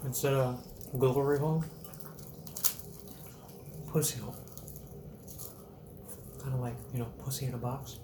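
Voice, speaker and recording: A man's voice: medium pitch, steady tone, a little slow, pauses often. Man, laid-back, joking, swears, roomy echo, faint hiss. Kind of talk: casual chat.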